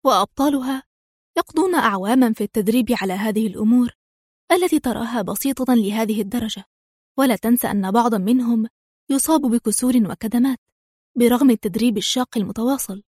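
A woman's voice: on the high side, fast talker, darkish tone, breathy edge, no echo. A woman reading the lines of a worried, devoted young woman who pleads anxiously, in a dry, close recording.

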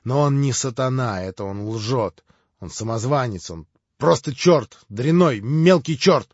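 A feverish, tormented young man, as a male audiobook reader puts him on, his agitated talk rising again and again into high, strained shouts. The recording is dull and lo-fi, with a dry, close sound and no room around it. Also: normal speed, dry recording, close to an everyday voice. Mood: brooding.

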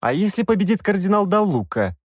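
A headstrong young princess, as a male narrator puts her on, her commanding voice lifted high and swinging freely. She barks demands and cuts others off in a dry, close studio sound. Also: sing-song, fairly quick, no echo. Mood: imperious. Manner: demanding, sharp retorts.

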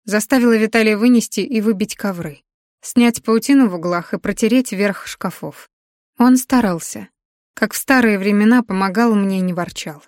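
A woman narrating a novel in the first person with a measured, expressive reading. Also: mid-range voice, no echo, clean studio sound. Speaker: audiobook narrator.

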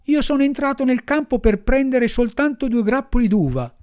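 A man voicing a wooden puppet boy who pleads and sobs in a whiny, high voice. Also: animated, normal speed, darkish tone. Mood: tearful. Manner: whiny, sobbing pleas.

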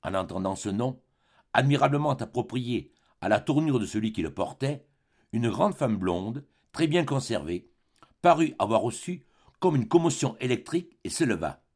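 A man narrating a classic novel as an audiobook reader, measured and expressive. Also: medium pitch.

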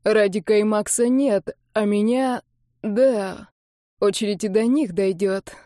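A woman reading the part of a wounded young man who speaks in an urgent, hoarse, broken half-whisper. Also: medium pitch, unhurried, mellow, dry recording, clean studio sound, natural voice. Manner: urgent, commanding, gasping. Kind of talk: audiobook character reading.

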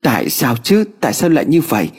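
A man's voice: medium pitch, huge pitch swings, quick pace, slightly rough, pitched above the performer's own voice, exaggerated voice. A man voicing a desperate young girl who pleads and sobs over her dying teacher. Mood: pleading. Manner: pleading, sobbing.

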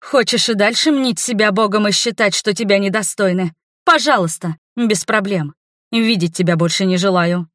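A woman's voice: medium pitch, moderate pace, fairly bright tone, no echo, studio quality, lightly acted. A woman voicing a middle-aged mother, wounded and fierce, speaking in a heated, reproachful way. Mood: furious.

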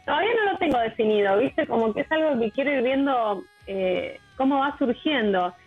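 Argentine musician lady, 30s, laid-back and halting, phone-line sound, faint music under. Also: high voice, slightly rough. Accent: Argentine Rioplatense. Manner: relaxed, hesitant, full of fillers. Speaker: musician guest. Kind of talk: casual radio interview.

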